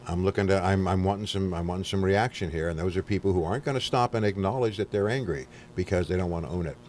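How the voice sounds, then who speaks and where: A man talking as a guest counselor, explaining things quickly in casual studio chat with frequent restarts. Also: deep voice, darkish tone, a little hiss or hum. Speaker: guest counselor on anger management.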